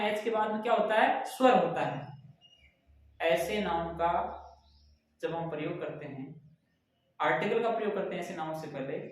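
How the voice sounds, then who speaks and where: Male teacher, higher-pitched, quizzing his class and answering his own questions; mic set back in a very echoey room. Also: far from the mic. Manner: repeats questions to students and answers them. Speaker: English teacher. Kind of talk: Hindi-language grammar lesson.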